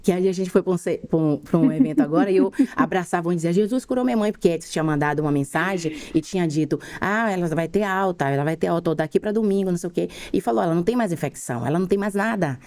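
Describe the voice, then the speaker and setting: A middle-aged Brazilian woman telling her faith testimony as a podcast guest, in fervent, rushed storytelling. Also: fairly low pitch, darkish tone. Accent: Brazilian Portuguese.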